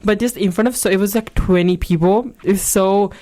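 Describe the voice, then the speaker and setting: A woman's voice: mid-range voice, normal speed, warm tone. A young woman from Spain, co-hosting a casual radio chat, telling stories in a chatty way. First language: Spanish. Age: young adult. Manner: chatty, laughs often, storytelling. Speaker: radio co-host.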